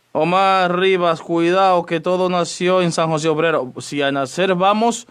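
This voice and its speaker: Priest doing a radio doctrine show, kinda high voice, chatty, greets folks by name. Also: male voice, takes it slowly, fairly bright tone, clear, resonant tone. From Dominican Republic. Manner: chatty, greets listeners by name between points. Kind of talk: radio teaching on church doctrine.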